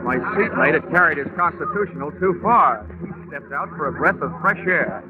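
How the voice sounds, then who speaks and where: A man's voice: on the high side, animated, normal speed, natural voice. A man playing a dry, wisecracking insurance investigator who narrates, in 1950s radio detective style. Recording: muffled old radio recording with music.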